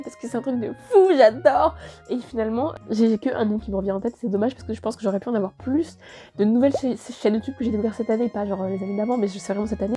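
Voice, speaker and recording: Young woman, vlogger, quick chatter, mellow dark tone, gushing and rambling, faint music behind. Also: on the high side. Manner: gushing, rambling, self-interrupting. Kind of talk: casual year-review Q&A vlog.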